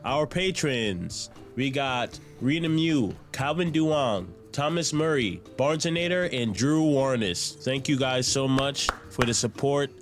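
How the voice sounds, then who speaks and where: A man who edits the show, giving a quick, joking outro that thanks its supporters. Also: medium pitch, expressive, soft background music. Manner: brisk, joking, reads names in a list. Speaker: video editor reading an outro.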